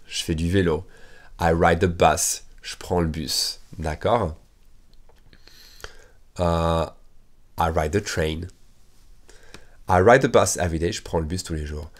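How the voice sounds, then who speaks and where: A man teaching an English lesson on video. He says English phrases slowly and repeats them, then explains in French with lively jumps in pitch. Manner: lively, with sudden rises in pitch and loudness.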